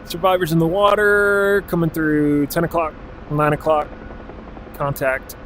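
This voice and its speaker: A man's voice: a little high, little pitch movement, unhurried, a bit bright, slight background noise, low-quality recording. A man from Alaska streaming a game, casually chatting with viewers and calling out commands, with the odd swear word. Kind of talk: casual live-stream chat while playing.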